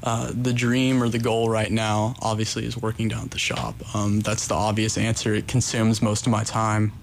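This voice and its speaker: A young man with a standard American accent speaks in a lowish, quite monotone voice. He answers casually and earnestly, rambling a little as an interview guest, over noticeable background noise. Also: normal speed, creaky. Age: young adult. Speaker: interview guest, coffee shop worker.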